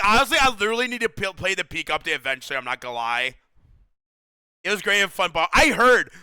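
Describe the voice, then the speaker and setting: A young man chatting casually with his stream viewers, excitable and slangy, saying "bro" a lot and laughing often. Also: high-pitched, clean tone, no room sound.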